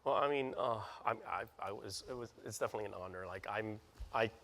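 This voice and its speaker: A man's voice: lowish voice, fast talker, fairly bright tone, long reverb tail. A young adult man, born in Hong Kong and raised in the US, speaking casually as an actor guest with lots of fillers and restarts. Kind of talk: studio interview. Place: TV studio set.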